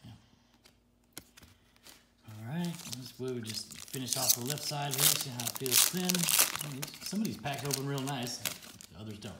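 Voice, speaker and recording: A man's voice: medium pitch, measured pace. A man hosting a casual card unboxing, reading out each card and laughing often. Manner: chatty, laughs often, reads out card names. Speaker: card-opening channel host. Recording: roomy echo with faint noise.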